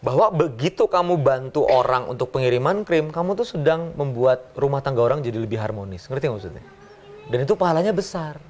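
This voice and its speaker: A middle-aged man giving a motivational business seminar, playful, acting out little scenes and jumping up and down in pitch. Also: lively intonation, fast talker, a little mellow. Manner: playful, acts out little scenes with jumps in pitch, laughs often. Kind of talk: animated motivational seminar talk.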